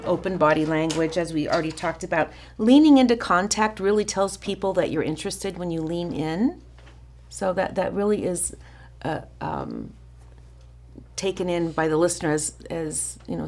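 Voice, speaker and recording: Woman, raspy, gravelly, lowish voice, informal workshop teacher, chatty with restarts, faint room noise. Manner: chatty, warm-hearted asides with frequent restarts and fillers. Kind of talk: informal teaching talk to a small group.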